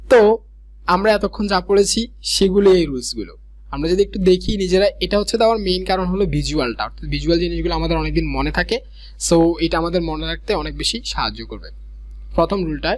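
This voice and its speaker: Man, young adult, slightly raised pitch, grammar tutorial, step-by-step explaining. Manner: explains step by step, reads English examples slowly.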